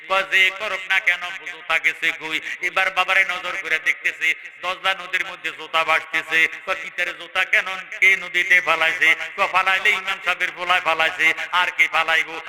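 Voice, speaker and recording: A male preacher chants his story in a high, bright, forceful voice, rising and falling in a sing-song cadence. It comes over a public address system with a long trailing reverb. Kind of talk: chanted Islamic sermon storytelling.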